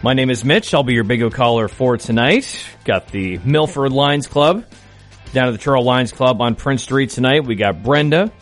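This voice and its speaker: A man working as a bingo caller on local radio, announcing informally and calling out numbers deliberately. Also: mid-range voice, soft background music. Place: radio studio.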